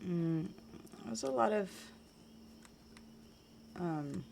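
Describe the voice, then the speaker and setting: A woman chatting casually while she plays a game, rambling on and trailing off into quiet mutters as she focuses. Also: lowish voice, expressive, drawn-out words, creaky, a little hiss or hum. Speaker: game streamer.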